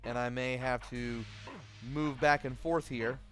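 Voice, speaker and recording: Tired male let's play host, low-key commentary with faint game music under it. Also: steady tone, unhurried, fairly bright tone. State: tired, late at night. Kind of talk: gameplay commentary.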